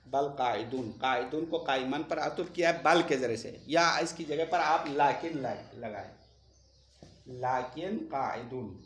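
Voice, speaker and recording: A man with a somewhat high voice teaches a classroom lesson, explaining each point step by step. He stops to quiz his students and chants Arabic verses slowly. The sound is roomy, with echo from the classroom walls. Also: a bit bright, slight background noise.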